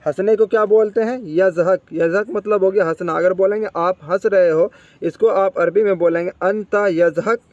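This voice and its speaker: A man's voice: sits high, darkish tone, dry recording, highs cut off. A man teaching spoken Arabic vocabulary, repeating each word and quizzing the listener.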